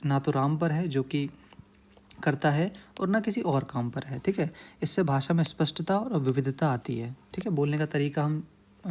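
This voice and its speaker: Mellow-voiced male grammar teacher. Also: fairly high pitch. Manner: explains patiently with repetition; frequent check-in phrases. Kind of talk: grammar lesson.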